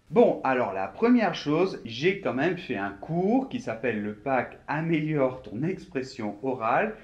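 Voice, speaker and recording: A man from France teaching a video lesson, speaking slowly and clearly straight to the viewer. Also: fairly high pitch, lo-fi sound. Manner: slow, clearly articulated teaching, addressing viewer directly. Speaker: French teacher.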